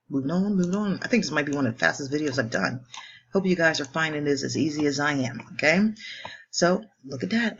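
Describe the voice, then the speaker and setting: A woman math teacher working through homework problems step by step in a brisk, upbeat way, joking now and then at her own expense. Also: low-pitched, gravelly, lo-fi sound, slight background noise. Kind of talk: homework walkthrough lesson.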